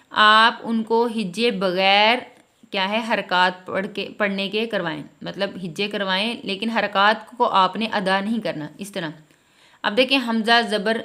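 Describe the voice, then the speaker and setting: A woman teaching a Quran reading lesson from a primer, sounding out letters slowly and syllable by syllable, then explaining patiently and often checking that the listener is following. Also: medium pitch, fairly bright tone. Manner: repeats a reassuring "theek hai" to check understanding.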